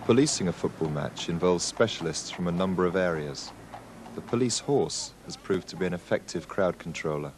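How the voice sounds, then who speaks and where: Deep-voiced male documentary reporter. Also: brisk. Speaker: reporter and narrator. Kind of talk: documentary narration and interview questions. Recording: clear outdoor traffic noise.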